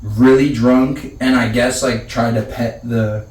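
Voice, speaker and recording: A young man talks in a loose, profane, joking way, often cutting in with quips. His voice is at an everyday middle pitch. He sounds distant from the mic in an echoey room, with faint ambience in the background. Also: fairly even intonation, slow pace, darkish tone, a little hiss or hum. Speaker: podcast co-host. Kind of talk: casual chat.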